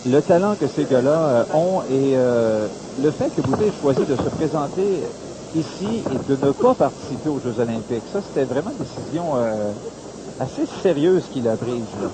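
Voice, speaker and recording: A man's voice: medium pitch, animated, normal speed. Male boxing commentator over noisy hiss. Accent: Quebec French. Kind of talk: conversational sports commentary.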